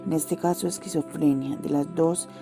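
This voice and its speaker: A woman's voice: deep voice, fairly even intonation, moderate pace, creaky, music in the background. A woman giving a reflective, prepared testimony. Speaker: interview participant, sociology graduate. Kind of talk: reflective testimony, partly read from a script.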